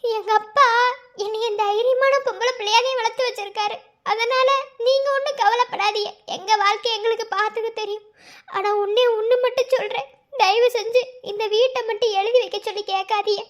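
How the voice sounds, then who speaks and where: A woman's voice: extremely high pitch, fairly even intonation, brisk. A woman voicing a brave young daughter in a cartoon, speaking steadily and earnestly with a Madurai Tamil accent. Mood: firm. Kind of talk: cartoon voice acting.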